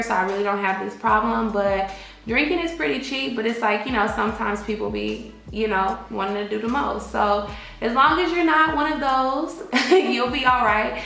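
A young woman talks in a mid-range voice, giving casual, emphatic advice to the camera. Her delivery is conversational, with plenty of filler phrases. The small room adds a clear echo. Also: medium pitch, fairly bright tone. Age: young adult. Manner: conversational, emphatic, peppered with "like" and "you know". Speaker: vlogger giving advice to expat English teachers. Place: small indoor room with bare walls. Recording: echoey untreated room.

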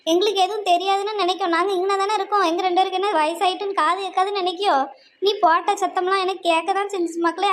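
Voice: fairly bright tone, a little hiss or hum. A performer voicing a worried elderly mother-in-law in a cartoon family drama, pleading and insistent. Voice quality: very high, squeaky cartoon voice.

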